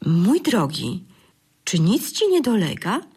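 A woman voicing a kindly older male head cook of the elves, slow and hesitant, in a storybook reading. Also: lowish voice, wildly swooping pitch, a bit bright, heavily acted. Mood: concerned.

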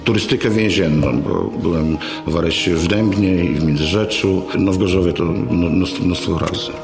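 A middle-aged man giving a spontaneous oral history recollection, halting and repeating words. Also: low-pitched, creaky, over music. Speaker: witness recalling the past.

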